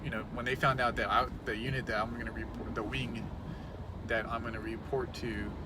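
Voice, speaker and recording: A man's voice: mid-range voice, flat delivery, fairly quick. A man in his thirties talking casually to camera from his car in traffic, rambling and self-conscious with many restarts. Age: 30s. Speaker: vlogger. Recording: loud road noise, mic far off.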